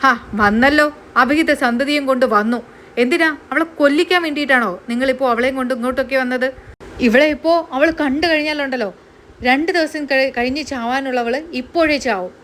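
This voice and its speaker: A bitter middle-aged aunt, as a woman acts her out, firing off shrill, fast accusations at the visitors. The voice sits high, and a faint hiss runs behind it. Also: a bit bright, natural voice. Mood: furious.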